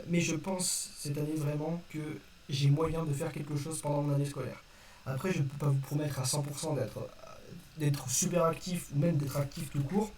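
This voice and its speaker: A man's voice: on the high side, mellow. Young man, roomy distant recording. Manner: hesitant, apologetic, explanatory, self-correcting. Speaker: video creator addressing viewers. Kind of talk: casual unscripted vlog explanation. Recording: distant roomy mic with faint noise.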